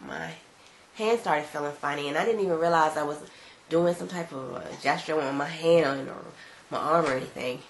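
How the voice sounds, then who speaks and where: A woman's voice: deep voice, moderate pace. A congested woman vlogging at home, casually telling a personal story and acting out the dialogue. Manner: animated retelling, acting out quoted dialogue. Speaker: vlogger mother. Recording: echoey room with faint background noise.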